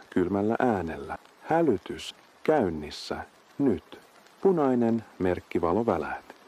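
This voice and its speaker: A man reading a horror story as scripted narration, with a steady, even delivery. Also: fairly low pitch.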